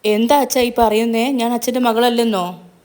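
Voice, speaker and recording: A woman's voice: medium pitch, steady tone, moderate pace, close to an everyday voice. A woman putting on a pleading young daughter. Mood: tearful. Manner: pleading, emotional.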